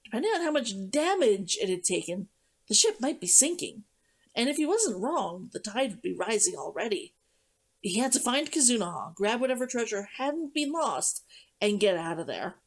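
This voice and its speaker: A woman reading a novel aloud as a streamer, narrating in an expressive, dramatic storytelling manner. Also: medium pitch, moderate pace. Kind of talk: audiobook-style story narration.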